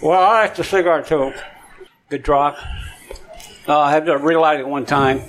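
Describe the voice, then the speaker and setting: A man on a cigar podcast panel, speaking in an easygoing, unhurried way. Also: on the high side, slight background noise. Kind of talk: casual chat.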